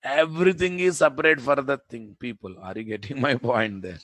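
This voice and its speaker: This programming instructor, a man with a Telugu Indian accent, speaks in a mid-range, fairly bright voice and moves along fairly quickly. The recording has no room sound as he jokes casually with his live class, restating phrases and questions to drive points home.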